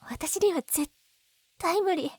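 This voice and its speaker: Speaking slowly into a close binaural dummy-head mic, a woman voices a high-pitched, lovesick young girl, gentle and tearful, begging her childhood friend. The Japanese ASMR-style roleplay is soft, breathy and intimate, frequently trailing to whispers, with a desperate, pleading mood. The recording is very dry, with no echo.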